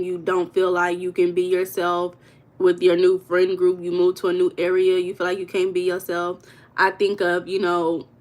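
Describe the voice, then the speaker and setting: A woman's voice: lowish voice, a little mellow. American woman, livestream host, casual and chatty, talks straight to her viewers. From United States. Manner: chatty, addresses viewers as y'all, reads comments aloud.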